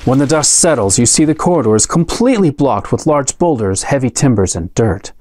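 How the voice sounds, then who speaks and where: A man reading an adventure gamebook aloud, narrating with a dramatic, storytelling delivery. His pitch rises and falls a great deal to build tension. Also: animated, fairly quick, a little mellow. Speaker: storybook reader.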